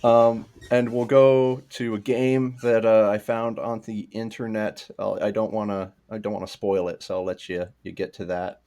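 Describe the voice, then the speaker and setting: A man's voice: lowish voice, little pitch movement, normal speed, hardly any pauses, mellow. A young man hosting a casual podcast, chatty and rambling, with plenty of ums and laughs. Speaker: podcast host.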